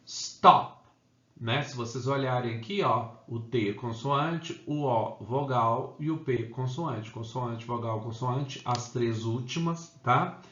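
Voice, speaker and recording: Slow, patient man teaching grammar. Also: medium pitch, fairly bright tone, echoey room, dull audio. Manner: slow, repeats "tá?" and "ok?" to check understanding. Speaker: English teacher. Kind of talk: Portuguese-language grammar lesson.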